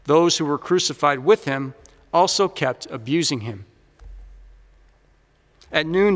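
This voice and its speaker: Male Gospel reader, bright, forceful voice, a little high, long church reverb. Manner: measured proclaiming delivery. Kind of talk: solemn liturgical reading. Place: large church.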